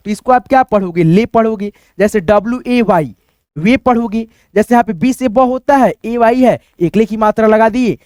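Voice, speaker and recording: A man's voice: very high-pitched, a little mellow, dry recording, clean studio sound. A man, teaching English spelling and sounds to beginners, repeating himself and answering his own questions. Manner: repetitive, keeps saying "friends", asks and answers himself. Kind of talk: Hindi spelling lesson for beginners.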